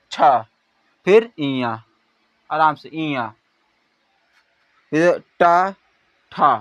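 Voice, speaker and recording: A man's voice: sits high, no echo. A man teaching a lesson, drilling letter sounds aloud and asking and answering his own questions. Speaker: Hindi teacher. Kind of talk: exam-prep lesson. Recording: dull, lo-fi recording.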